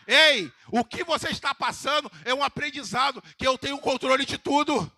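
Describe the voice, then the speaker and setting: A man with a Brazilian Portuguese accent preaching a sermon to a congregation, questioning them, building to emphatic calls, then quoting softly. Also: very high voice, brisk, dry recording. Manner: rising to emphatic calls, then dropping to soft quoted words.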